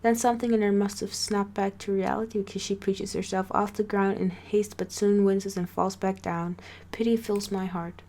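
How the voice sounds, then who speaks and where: A woman's voice: mid-range voice, little pitch movement, moderate pace, warm tone. Stumbling amateur woman story reader. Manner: stumbles and restarts words, breaks in with casual asides. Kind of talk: amateur reading of a first-person story.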